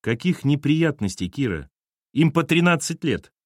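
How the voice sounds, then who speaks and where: A man's voice: on the high side, sing-song, moderate pace, no echo. A man voicing a weary sarcastic ex-husband. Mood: irritated. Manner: dry, irritated, sarcastic. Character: weary, sardonic divorced man. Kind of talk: audiobook character voice.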